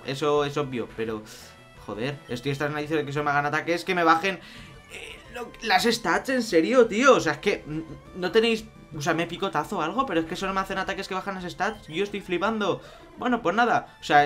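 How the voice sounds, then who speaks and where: A young man with a Spain Spanish accent commenting on his own gameplay, excitable, swinging from mumbled asides to loud outbursts. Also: fairly high pitch. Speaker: let's play youtuber. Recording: faint music behind.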